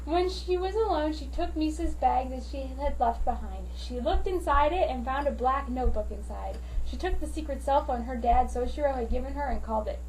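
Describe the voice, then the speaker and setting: With hardly any pauses, this amateur reader performs her fan fiction story briskly in a high, slightly mellow voice. The delivery is theatrical and mock-serious, captured on a noisy home mic set far away.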